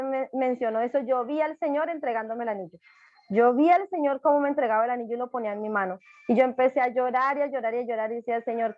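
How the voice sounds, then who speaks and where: A woman's voice: fairly high pitch, no room sound. A woman speaking from her living room as a church tutor, giving a fervent personal testimony and repeating phrases for emphasis. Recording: dull, dry home recording.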